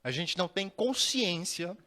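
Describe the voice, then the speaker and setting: A man giving a spiritist lecture, telling a personal story with dramatic pauses and sudden rises in his voice. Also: sits high, expressive, bright, forceful tone. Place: large lecture hall. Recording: long reverb of a lecture hall.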